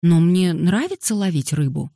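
A woman reading an audiobook voices a clingy six-year-old girl who calls out in shrill, pleading wails. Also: expressive, moderate pace, vocal fry, warm tone, no room sound, studio quality. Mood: wheedling.

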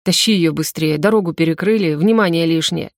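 A woman's voice: on the low side, a little fast, dry recording, clean studio sound, natural voice. A woman reading the lines of a big, older bearded man who is crude and menacing. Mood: angry.

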